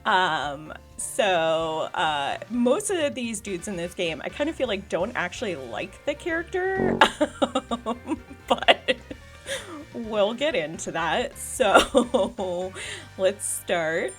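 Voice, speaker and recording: A woman's voice: medium pitch, very animated, slow, over music. A woman streaming a dating sim game, reading its text aloud and joking about it with a giggly, sarcastic manner. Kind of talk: casual let's-play commentary.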